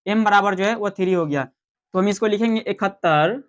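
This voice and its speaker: Slow-explaining Hindi maths teacher, man. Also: sits high. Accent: Bihari Hindi. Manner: slow, explanatory, asks questions and answers them himself. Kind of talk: classroom maths lecture.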